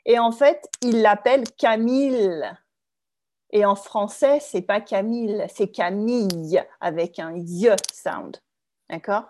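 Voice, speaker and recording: A woman teaching French in an online lesson, speaking clearly and slowly, often checking in with her students. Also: medium pitch, mellow. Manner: clear, slow, checks with "d'accord?".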